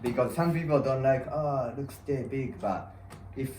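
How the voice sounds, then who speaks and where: A man's voice: mid-range voice, moderate pace. A man with a non-native English accent chatting casually as a guest rider, in short broken phrases with simple grammar. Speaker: guest freestyle motocross rider. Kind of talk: casual unscripted chat. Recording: distant echoey sound, clear noise, clicks.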